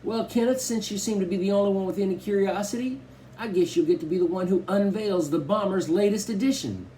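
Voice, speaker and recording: A man's voice: high-pitched, brisk, dark tone, a little hiss or hum, pitched above the performer's own voice, lightly acted, poor audio. A man voicing a playful showman father who puts on a pompous salesman act, read for an audiobook. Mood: teasing. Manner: grand, pompous sales patter. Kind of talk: audiobook character voice.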